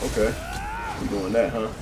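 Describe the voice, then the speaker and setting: A man giving excitable, trash-talking live commentary while streaming a game, swearing and bursting into laughter. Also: lowish voice, normal speed. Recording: noisy background.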